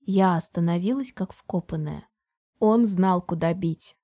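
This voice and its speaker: Mellow-voiced woman narrating an audiobook. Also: fairly low pitch, unhurried. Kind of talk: first-person audiobook narration.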